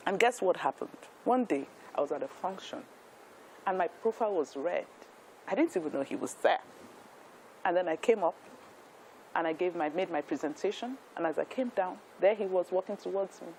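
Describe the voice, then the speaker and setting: A woman's voice: fairly low pitch, animated, moderate pace, darkish tone, slight background noise, rough recording. A Nigerian woman in her fifties, a talk show guest telling her life story in an earnest, emphatic way, with frequent restarts. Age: 50s.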